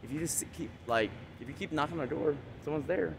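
A man's voice: a little high, quick pace, noisy background. A man vlogging motivational advice in a boastful, hyped way, swearing freely. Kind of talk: casual motivational monologue.

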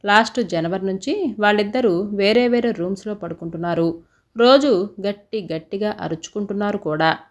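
A woman's voice: mid-range voice, normal speed, natural voice. A woman voicing a young boy grandson in a storybook, sobbing and pleading as he talks. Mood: upset. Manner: sobbing, pleading child talk.

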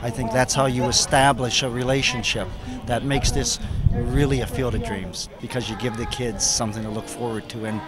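A man's voice: mid-range voice, fairly even intonation, moderate pace, hardly any pauses, over loud music. A middle-aged man speaking earnestly in an outdoor interview at a ballpark, often repeating words as he searches for them. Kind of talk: casual interview answers. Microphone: handheld reporter mic.

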